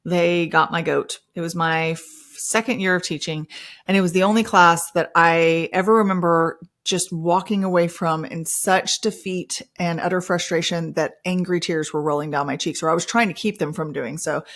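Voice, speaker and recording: A woman's voice: on the low side, steady tone, normal speed, a bit bright. A woman hosting a podcast, telling personal stories in a chatty way and acting out playful quotes. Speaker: podcast host; mother of several children. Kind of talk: casual podcast monologue.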